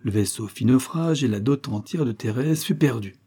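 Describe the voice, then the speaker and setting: A man narrating a nineteenth-century short story in a measured, expressive reading. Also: medium pitch, slightly rough. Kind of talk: literary audiobook narration.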